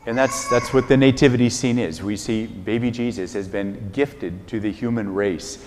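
An older man, a priest, giving a relaxed, conversational homily with chuckling, self-deprecating stories. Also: on the low side, normal speed, noisy background. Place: large church. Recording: reverberant church hall.

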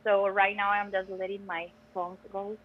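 A music education PhD student from Costa Rica, appearing as a guest, chats casually in a podcast interview, young, talkative and emphatic. Her native Spanish shows in her Costa Rican accent, and her mid-range voice has a flat delivery at a moderate pace. The recording is lo-fi.

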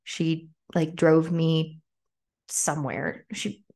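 Casting note: young woman podcast host, low-ish voice, rambling chatty storyteller. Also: steady tone, slow, gravelly, dark tone. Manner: chatty, frequent "like" fillers, acts out quoted voices. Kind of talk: casual storytelling.

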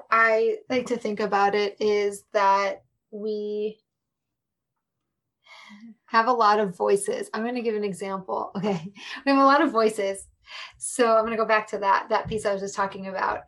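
Here a woman is interviewed on a podcast, her medium-pitched voice reflective and warm. She talks straight to the listeners and laughs a lot along the way.

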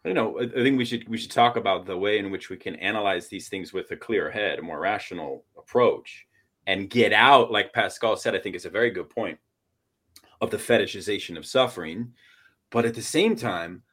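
A man's voice: lowish voice, a little fast, fairly bright tone. A man from Portland, Oregon, co-hosting a casual political discussion, talking in a hesitant, analytical way. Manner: hesitant, analytical, restarts a lot. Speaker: podcast co-host.

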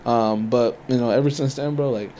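An American man with a medium-pitched voice tells stories in casual, slangy, swear-heavy talk. He acts out quoted reactions with animation. There is faint ambient noise behind him. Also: fairly even intonation, brisk, dark tone. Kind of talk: casual chat, storytelling.

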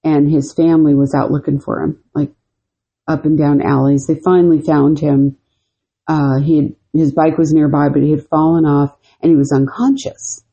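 A woman's voice: low voice, normal speed, creaky, dark tone, husky, dull audio. A woman co-hosting a podcast, telling stories in a rambling, casual way with many fillers. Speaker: podcast co-host. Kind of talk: casual storytelling chat.

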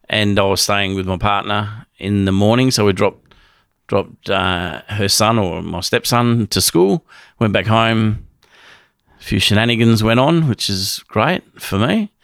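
Sheepish low-voiced man, gravelly. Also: a bit bright, no echo, clean studio sound. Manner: sheepish, laughs while telling it. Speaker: guest. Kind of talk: casual storytelling.

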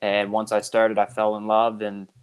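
A man's voice: on the low side, completely flat delivery, moderate pace, smooth. A man speaking as a fighter being interviewed, answering casually in an earnest, explanatory way. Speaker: MMA fighter, podcast guest.

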